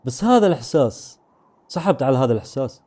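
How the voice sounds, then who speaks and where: Fast man telling a story. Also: medium pitch, expressive, dark tone, slightly rough. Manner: brisk, dramatic storytelling. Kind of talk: first-person horror story narration.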